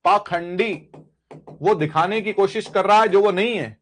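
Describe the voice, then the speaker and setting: This is a high-pitched man speaking at normal speed, an English teacher going over exam vocabulary. He repeats word lists to drill them and fields questions he poses himself.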